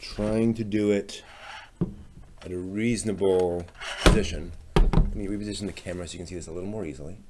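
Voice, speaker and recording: A man with a low voice and fairly even intonation hosts a live craft stream, talking briskly but pausing often as he casually works through a hands-on demonstration. He sounds tentative, thinks aloud, and frequently trails off, with heavy background noise behind him.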